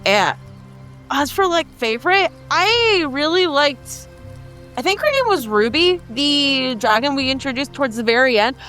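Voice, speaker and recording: A woman player chatting casually, excitable and swearing offhandedly. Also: sits high, unhurried, soft background music. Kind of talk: casual debrief chat.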